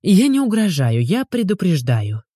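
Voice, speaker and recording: A woman voicing a bossy, quick-tempered young woman in an audiobook, speaking sharply and with indignation. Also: on the low side, sing-song, mellow, husky, no echo, studio quality, voice pushed up, full character voice. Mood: snappy. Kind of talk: audiobook character voice.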